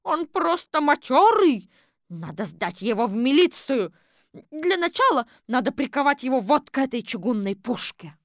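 A bossy, suspicious sporty woman, voiced by a woman narrator for an audiobook. She is shrill, high and loud, barking orders. The recording is dry and close. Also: big pitch swings, moderate pace, no echo. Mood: commanding. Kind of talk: audiobook character voice.

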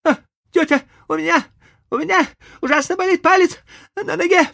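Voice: very high voice, moderate pace, gravelly, a bit bright, pitched above the performer's own voice, heavily acted. A whiny, melodramatic boy. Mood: pleading. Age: child.

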